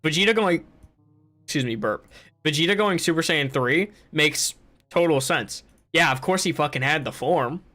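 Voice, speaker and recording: A man's voice: fairly high pitch, moderate pace, bright, forceful tone, faint music behind. A young man hosting a gaming podcast, ranting in casual chat and swearing freely. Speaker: podcast host.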